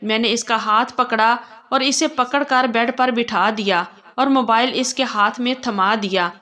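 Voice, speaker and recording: A woman telling a first-person story in a steady, plain storytelling way. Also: on the high side.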